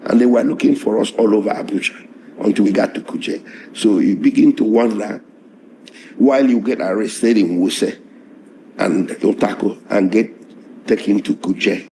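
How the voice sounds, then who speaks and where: A middle-aged lawyer with a hoarse, strained voice, recounting events in a measured, halting interview manner. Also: male voice, fairly low pitch, warm tone, slight background noise. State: hoarse, voice strained after tear gas.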